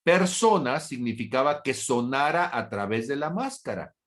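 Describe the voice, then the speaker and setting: A man teaching a Bible study as a pastor, speaking deliberately, asking rhetorical questions and briefly acting out imagined exchanges in a raised voice. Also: mid-range voice, very animated, a bit bright. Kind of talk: sermon.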